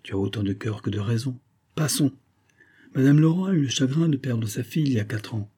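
A man's voice: medium pitch, lively intonation, fairly quick, warm tone, husky. A man reading an audiobook, voicing a bitter, obsessive middle-aged man who argues insistently that he is wronged. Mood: self-justifying. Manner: agitated, reasoning aloud, insistent.

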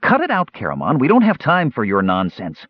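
Storybook kender: a small, excitable male trickster, high and eager, with a husky edge and lively swings in pitch, as a male narrator puts him on. Dull, lo-fi recording. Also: fairly quick, dry recording. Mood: urgent.

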